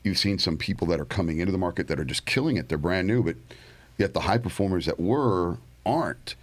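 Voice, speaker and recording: Deep-voiced man interviewing a guest. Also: a little fast. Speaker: podcast host. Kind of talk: conversational interview.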